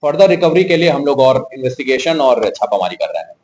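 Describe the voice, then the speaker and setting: Police officer, male; formal press statement with steady middle pitch, frequent filler pauses. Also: poor audio.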